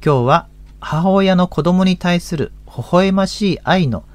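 A man's voice: high voice, measured pace, dry recording. A man in his fifties with a Tohoku accent, a pastor hosting a religious radio talk in a folksy, chatty way. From Akita, Japan. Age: 50s.

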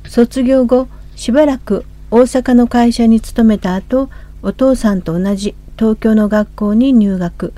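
A woman in her fifties with a Kansai accent, co-hosting a religious radio talk and gently prompting her husband. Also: fairly high pitch, slow pace, few pauses. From Hyogo, Japan. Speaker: co-host.

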